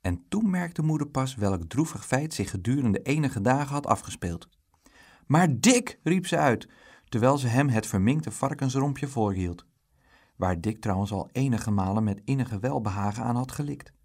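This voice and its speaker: A man narrating a children's storybook in an expressive, lively way. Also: medium pitch, moderate pace. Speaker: audiobook reader.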